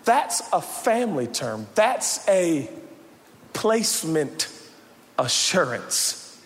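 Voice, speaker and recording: A man preaching a sermon as pastor, swinging from loud shouts to hushed, low passages. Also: very animated, takes it slowly, in a large hall. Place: church sanctuary.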